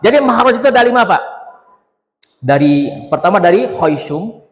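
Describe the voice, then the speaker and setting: Male quran teacher, tajwid lesson, higher-pitched voice, long hall reverb. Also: lively intonation, moderate pace, slight background noise. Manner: drills letter sounds, repeating syllables and quizzing students. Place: Islamic centre hall.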